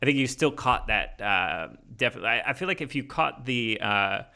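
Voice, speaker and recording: A man's voice: mid-range voice, lively intonation, fairly quick, pushed and bright. A man in his thirties hosting a casual chat, musing in a laid-back way and laughing easily. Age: 30s.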